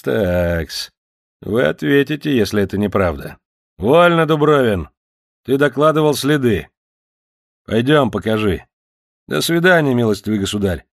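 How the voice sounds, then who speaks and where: A man's voice: medium pitch, no room sound, studio quality, pitched above the performer's own voice, close to an everyday voice. A man voicing a bullying, suspicious Cossack officer who barks commands and interrogates in an audiobook. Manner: barking commands, harsh and interrogating.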